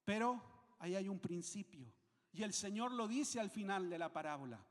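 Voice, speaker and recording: A man's voice: sits high, animated, normal speed, big-room sound. A man from Chile, speaking with a Chilean accent, preaching a sermon as pastor, emphatic and repeating phrases for weight. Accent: Chilean Spanish.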